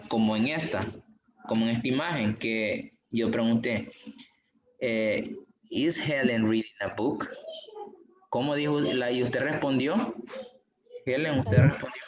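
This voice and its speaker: Guy teaching english online, slow and patient, echoey room, kinda dull audio. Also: mid-range voice. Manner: slow, patient, repeats examples. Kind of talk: online class explanation. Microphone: video call.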